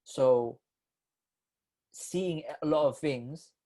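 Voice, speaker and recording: A man's voice: on the high side, drawn-out words, dark tone. Slangy man in his twenties chatting. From Philippines. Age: 20s. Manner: loose slangy banter, earnest when serious. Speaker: podcast host. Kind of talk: casual chat.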